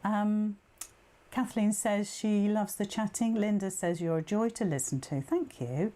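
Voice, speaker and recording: A sewing tutor runs a chatty live demonstration from her machine indoors, speaking at a measured pace in a medium-pitched, dark-toned voice. She banters self-deprecatingly with her audience and narrates each step aloud, punctuating it with "okay."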